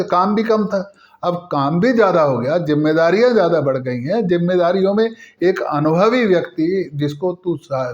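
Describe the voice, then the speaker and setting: A man's voice: high voice, a little mellow, muffled recording, lightly acted. Figure: a man doing a caring older mother. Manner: patient, earnest lecturing. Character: caring older mother advising her married daughter.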